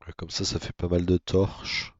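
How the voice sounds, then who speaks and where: A man giving casual, monotone commentary on his own gameplay, with self-mocking asides. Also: deep voice, normal speed, no room sound, dull audio. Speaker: gaming video creator.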